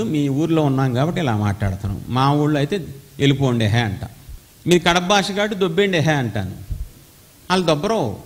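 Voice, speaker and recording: Forceful preaching pastor in an echoey hall. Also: male voice, on the high side. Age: 40s. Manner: forceful, dramatic preaching with acted quotes. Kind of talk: sermon. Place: church meeting hall.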